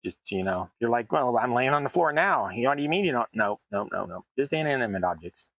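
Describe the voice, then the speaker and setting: Cutting at a worktable accompanies this American streamer as he builds tabletop terrain and chats loosely with his audience, rambling and self-deprecating. He's a fast talker with a medium-pitched, expressive, slightly bright voice on a dry recording.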